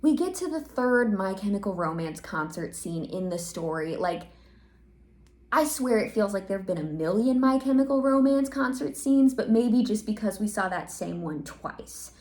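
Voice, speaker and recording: A woman hosting a comedic reaction video, talking in a sarcastic, animated way. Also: mid-range voice, moderate pace. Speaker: video host. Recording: roomy echo.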